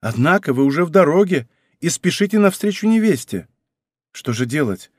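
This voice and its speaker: A man's voice: a little high, sing-song, moderate pace, no room sound, studio quality. A man voicing a young king torn between love and duty in an audiobook, speaking with hesitant anguish. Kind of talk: audiobook character reading.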